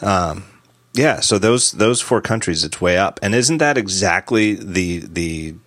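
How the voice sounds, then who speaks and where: A man hosting a casual tech podcast, animated and quick to laugh as he spins out hypotheticals. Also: low voice, no room sound. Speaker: podcast host.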